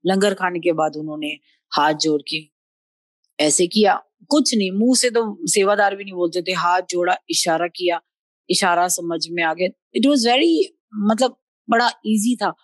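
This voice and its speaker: A woman's voice: on the low side, measured pace, no echo. Middle-aged woman telling a devotional story. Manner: lively storyteller mixing Hindi and English, acting out quoted speech. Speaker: devotee sharing a testimony. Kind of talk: personal testimony storytelling.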